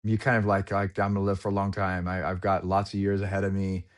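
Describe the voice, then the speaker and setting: Reflective low-voiced man in his forties. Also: little pitch movement, fast. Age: 40s. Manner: candid, reflective storytelling with slangy asides. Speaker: podcast guest. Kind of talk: casual podcast conversation.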